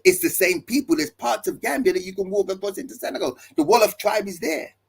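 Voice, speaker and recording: A man's voice: sits high, animated, quick pace, creaky, husky. A male pastor preaching to listeners, building his points with emphatic repeated refrains and rhetorical questions. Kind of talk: preaching talk.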